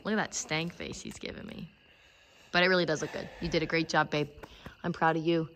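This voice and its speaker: A woman's voice: deep voice, little pitch movement, brisk, a bit bright. A woman filming and chatting off camera, teasing and laughing as she narrates her husband's work inside a large pole barn. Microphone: handheld phone camera. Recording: noisy barn with clicks and vehicle sounds.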